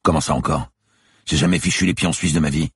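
A man's voice: very deep voice, fast, fairly bright tone, slightly rough, no echo, studio quality, voice pushed up, full character voice. A man reading an audiobook, voicing a blunt male police lieutenant who questions curtly. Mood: hard. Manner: curt, commanding, interrogating.

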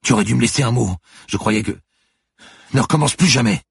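A man's voice: extremely low pitch, animated, a little fast, breathy edge, dry recording, clean studio sound, pitched above the performer's own voice, exaggerated voice. A man reading aloud voices a frightened young amnesiac woman, lifting his voice into anxious, alarmed questions. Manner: anxious, rising to alarmed cries.

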